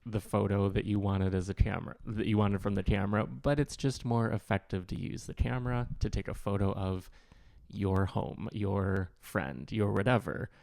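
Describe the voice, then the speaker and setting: A man's voice: lowish voice, steady tone, moderate pace, gravelly, a little mellow, dry recording, clean studio sound. A man co-hosting a podcast in casual chat, explaining ideas through analogies with lots of "like". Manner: explains with analogies, many "like" fillers. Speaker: podcast co-host.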